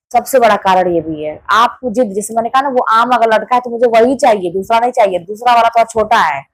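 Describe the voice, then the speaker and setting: An insistent woman gives a motivational talk to the camera in a casual, conversational tone. Her voice sits somewhat high, and she drives her points home by repeating them. The recording is close and dry, with almost no room sound. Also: dry recording, low-quality recording. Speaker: motivational YouTuber.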